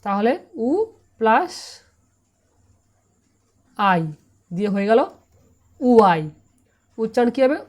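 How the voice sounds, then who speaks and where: A woman with a Bengali accent teaching English pronunciation in an online lesson, spelling out letters and repeating each syllable slowly. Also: a little high.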